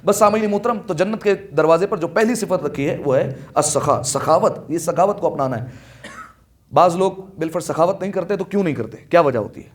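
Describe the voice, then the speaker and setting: A man's voice: sits high, lively intonation. Impassioned man preaching a sermon. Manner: impassioned storytelling, rising loud for quoted lines, asks the audience questions. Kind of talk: Urdu majlis sermon. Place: religious hall.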